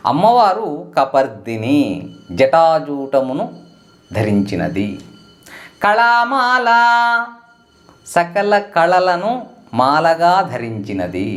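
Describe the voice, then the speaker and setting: A devotional teacher who chants a hymn and then explains each sacred name in turn, singing the name first and speaking the meaning after it. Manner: chants in a high, melodic tone.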